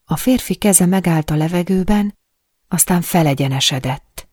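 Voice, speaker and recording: A woman narrating an audiobook in a steady, measured way. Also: on the low side, dry recording, clean studio sound. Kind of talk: audiobook reading.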